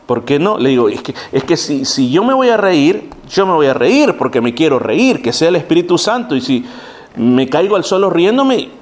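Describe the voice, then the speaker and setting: A man's voice: fairly high pitch, moderate pace. A man who is a pastor, giving a sermon-style Bible study to his congregation, addressing them as brethren and acting out scenes as he speaks. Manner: animated preaching, acts out scenes.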